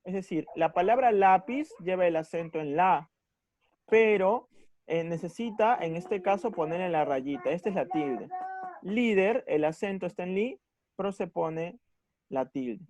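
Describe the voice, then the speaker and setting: A man teaching a recorded grammar lesson, patient, slowly stressing syllables and checking in with his students after each point. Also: sits high, animated, darkish tone.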